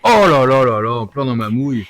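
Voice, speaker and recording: A man giving live gameplay commentary as a streamer, excitable and coaxing, talking straight to the game. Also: mid-range voice, a little fast. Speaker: let's play streamer.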